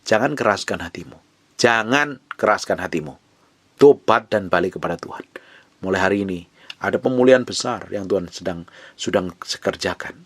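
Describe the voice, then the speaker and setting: Male preacher, low husky voice, dry close sound, fervent and repetitive delivery. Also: no echo. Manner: fervent, repetitive, swings between loud urging and hushed whispers. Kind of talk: sermon.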